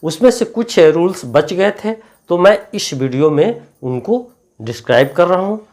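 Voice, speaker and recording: A male English teacher with a Hindi accent, explaining grammar rules slowly and repeating each word to drill it. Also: high voice, expressive, darkish tone. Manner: slow, deliberate, repeats words to drill them. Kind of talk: classroom grammar lesson.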